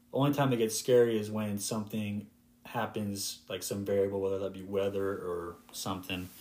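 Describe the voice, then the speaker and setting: A man in his twenties, a flight instructor and podcast guest, telling stories in a casual, lively way and acting out radio calls. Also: lowish voice. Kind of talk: casual storytelling in conversation.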